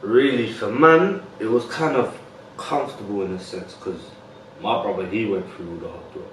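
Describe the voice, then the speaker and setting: Deep-voiced London man, echoey room. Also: moderate pace, recorded from a distance, background noise. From West London. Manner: laid-back street slang, many fillers. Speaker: guest. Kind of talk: casual interview.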